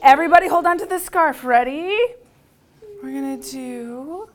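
A woman's voice: high voice, normal speed. A woman using a kindergarten teacher voice, leading young children in songs and action games with simple, repeated, encouraging instructions.

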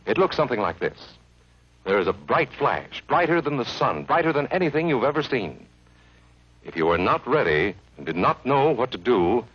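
An American man narrating a grave civil defense film from the 1950s in a measured, instructive way, as if addressing children. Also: mid-range voice, husky, no room sound. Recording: dull vintage film soundtrack.

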